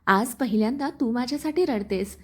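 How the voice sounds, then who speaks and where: A woman reads as an injured young man, weak and trembling but loving. Her voice is high and animated. This is a storybook tale told in a single voice. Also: moderate pace. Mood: weak tender.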